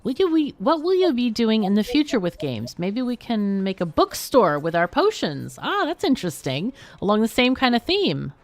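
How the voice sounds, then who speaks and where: On her casual gaming livestream, a woman speaks in a fairly high, sing-song voice at normal speed with few pauses. Chatty and playful, she laughs often as she comments on the game and quizzes her guests.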